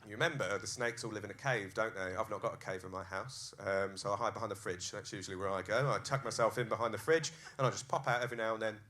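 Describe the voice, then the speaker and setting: A man performs stand-up on a club stage into a handheld mic. His voice is on the low side and has a forceful, bright edge. He acts out every scene with crude, animated energy. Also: quick pace, hardly any pauses, a little hiss or hum. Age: 30s. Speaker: stand-up comedian. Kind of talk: stand-up comedy set. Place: comedy club stage, live.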